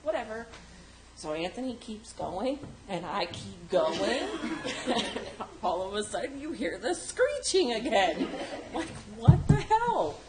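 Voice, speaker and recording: A woman telling a funny story to a group, animated and laughing, acting out the quotes. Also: slow, a loud crowd. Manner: animated, laughing, acts out quotes with big pitch jumps. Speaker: mourner sharing a story at a funeral gathering. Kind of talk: casual storytelling. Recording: echoey room with background noise.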